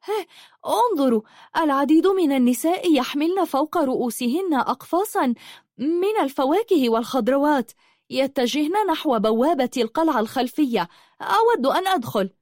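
A woman voicing a curious, bold young girl in a storybook, eager and excited. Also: sits high, fairly quick, dry recording, clean studio sound, voice pushed up.

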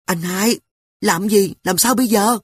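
A frightened little girl from an audiobook, played by the narrator, her voice pitched far above the reader's own. She wavers and pleads at a quick pitch. The husky tone sounds dry and close. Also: no echo. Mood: scared. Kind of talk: audiobook character voice.

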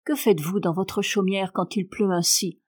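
A woman's voice: medium pitch, steady tone, normal speed, darkish tone, breathy edge, close to an everyday voice. A woman reading the lines of a willful little girl in a storybook, pressing her point insistently. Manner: insistent, urgent questions. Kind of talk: audiobook character reading.

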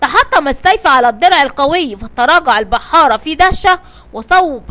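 A woman reads an adventure story aloud for children. Her voice is high, and she often stumbles and restarts words as she goes. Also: a bit bright. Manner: reads with frequent slips and restarts.

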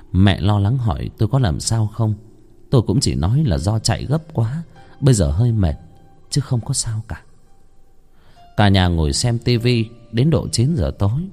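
Low, husky male storyteller. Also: warm tone. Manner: dramatic, suspenseful. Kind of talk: scripted narration of a ghost story.

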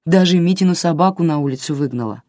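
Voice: medium pitch, quick pace, warm tone, no echo, studio quality, lightly acted. An audiobook reader voicing a confident young woman volunteer who speaks matter-of-factly.

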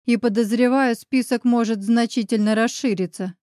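A woman's voice: a little high, steady tone, normal speed, warm tone, dry recording, studio quality, natural voice. A woman voicing a brash, sarcastic male lawyer friend in an audiobook. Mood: mocking. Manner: mocking, ironic.

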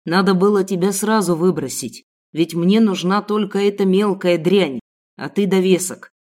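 A woman voicing a rough, menacing male kidnapper who growls his threats. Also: mid-range voice, normal speed, a little mellow, close to an everyday voice.

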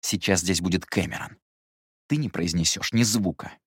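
A brusque, menacing young man, as a male audiobook reader puts him on, speaks low and clipped with a very deep voice. Every jab comes out as a hushed warning. The recording is dry and close. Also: moderate pace, slightly rough, dry recording. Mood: tense, scornful.

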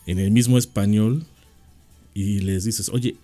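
A man with a Mexican accent co-hosting a radio discussion, reflective and pausing often with "eh" and restarts. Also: on the low side, warm tone, faint music behind. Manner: reflective, with frequent "eh" pauses and restarts. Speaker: radio show co-host. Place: radio studio.

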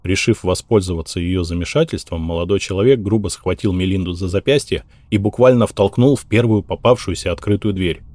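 Low, dark-voiced male narrator. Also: fairly quick, few pauses, no echo. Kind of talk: scripted audiobook narration.

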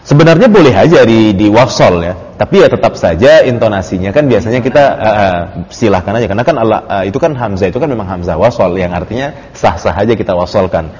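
A man's voice: lowish voice, expressive, fast, darkish tone. A man teaching Arabic grammar in an informal study circle, explaining patiently with many fillers and easy laughter. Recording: dull lo-fi audio with long reverb.

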